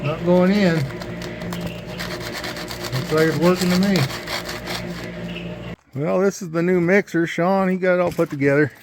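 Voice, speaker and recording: A man's voice: high-pitched, fairly even intonation, unhurried, vocal fry, pauses often. A man casually explaining a do-it-yourself job in a folksy, joking way. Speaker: trapper showing his work. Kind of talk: casual how-to vlog. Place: workshop or shed with a cement mixer. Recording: noisy background.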